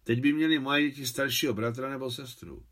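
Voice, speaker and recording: A man's voice: medium pitch, fairly bright tone, natural voice. A man reading as a firm young widow. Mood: wistful. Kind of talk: literary audiobook reading.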